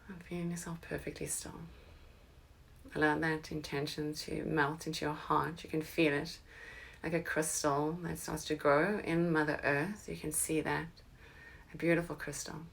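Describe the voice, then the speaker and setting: A woman leads a slow guided meditation, her voice low and gravelly. She keeps her pitch even and soothing, often sinking into a breathy whisper.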